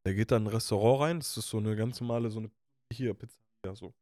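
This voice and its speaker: A man's voice: fairly low pitch, fast talker, mellow, dry recording, studio quality. A man co-hosting a podcast in casual chat, telling stories in slangy talk and acting out the people he quotes. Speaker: podcast co-host. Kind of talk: casual chat, animated storytelling.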